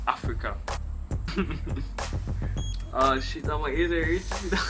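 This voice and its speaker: A man's voice: on the high side, slow. A young man chatting casually in a challenge video with a friend, slangy and giggly, swearing and exclaiming. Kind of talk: casual chat, challenge quiz between friends. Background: music.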